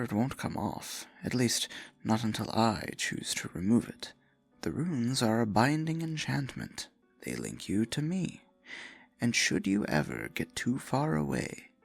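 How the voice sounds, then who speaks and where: Here the dark sorcerer is smug and teasing, a possessive, theatrical figure in a fantasy ASMR piece who murmurs menacing, falsely sweet endearments. The husky, gravelly voice sits mid-range and is exaggerated, recorded without echo.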